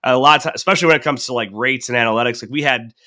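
A man's voice: medium pitch, rapid-fire. Nasal-sounding man hosting a podcast. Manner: relaxed, chatty, with fillers. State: stuffy from a cold. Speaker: podcast host. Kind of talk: casual podcast chat.

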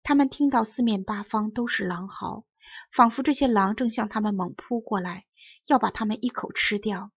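A woman reading a fairy tale aloud in a measured, clearly enunciated storybook narration. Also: mid-range voice, no room sound. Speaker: audiobook narrator. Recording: dull, lo-fi recording.

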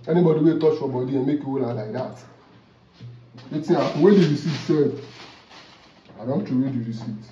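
A young Nigerian man rants in Pidgin-accented English, his voice pitched high as he fires repeated questions. He stands back from the camera in an indoor room that sounds roomy. The audio is dull and lo-fi. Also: recorded from a distance, a little hiss or hum. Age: young adult. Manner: animated, gesturing, ranting, repeating questions. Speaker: comedy vlogger. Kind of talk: comic rant to camera. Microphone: far camera.

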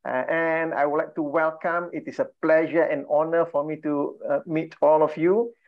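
A middle-aged Malaysian trainer and coach hosts an online workshop from a home room with bookshelves, welcoming people warmly and laughing often. His voice is fairly high, with fairly even intonation and a moderate pace, and he uses lots of "uh" fillers. The video call audio is slightly dull.

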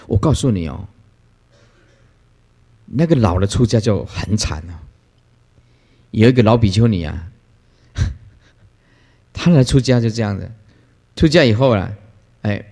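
A man preaching as a Buddhist master, his voice swinging up and down as he acts out the people in his stories. He laughs now and then between points. His talk rings with the long echo of a big lecture hall. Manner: lively storytelling, acts out quoted people with playful pitch jumps and laughter. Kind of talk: sermon.

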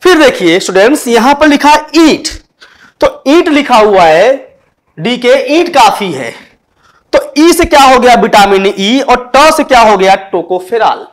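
A man's voice: very high-pitched, lively intonation, measured pace. Male teacher, exam-prep lesson, storytelling mnemonics, keeps quizzing the class. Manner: explains with rhetorical questions.

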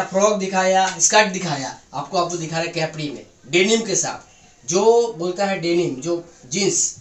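A man in his thirties giving an eager sales-pitch tour of a garment workshop, recorded on a handheld phone camera. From India. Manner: eager sales pitch, repeats phrases, points things out. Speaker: factory guide showing kids' wear. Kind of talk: walking tour presentation. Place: indoor garment workshop and showroom.

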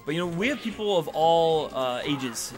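A man's voice: on the high side, animated, normal speed. A young man casually commentating a video game match, joking and rambling, often repeating his words. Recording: music playing behind.

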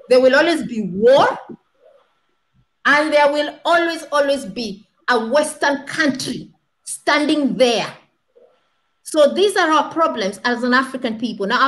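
A woman in her thirties joins a video call as a panel guest from a small indoor room, using a laptop webcam, and delivers impassioned commentary. She asks rhetorical questions and repeats points for stress, in a high-sitting voice with a fairly bright tone.

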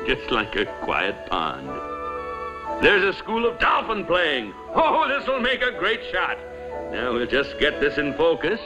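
An actor playing a bumbling, nearsighted old rich man in a cartoon, mumbling asides to himself and bursting into frantic shouts. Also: a little high, wildly swooping pitch, slow pace, full character voice, poor audio. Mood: chuffed. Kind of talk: cartoon voice acting. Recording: loud music bed behind.

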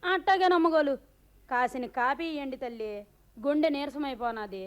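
ఒక నటి చేసిన గట్టిగా పిలిచే పల్లెటూరి పనిమనిషి. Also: female voice, high-pitched, natural voice. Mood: weary. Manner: loud, rustic, drawn-out calls. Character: older village housemaid, chatty and deferential. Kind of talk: radio play acting.

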